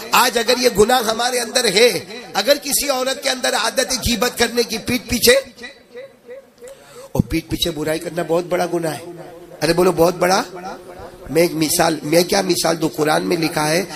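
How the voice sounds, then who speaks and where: A man's voice: sits high, vocal fry. A man preaching an emotional religious sermon, rising into chanted passages and putting questions to the audience. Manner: addresses the audience directly with questions.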